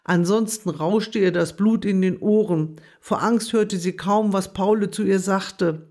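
A storyteller reading a children's story aloud in a gentle, expressive way. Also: medium pitch, unhurried.

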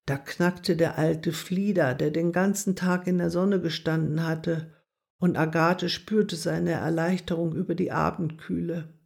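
A woman calmly narrating a children's story in a measured way. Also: on the low side, vocal fry.

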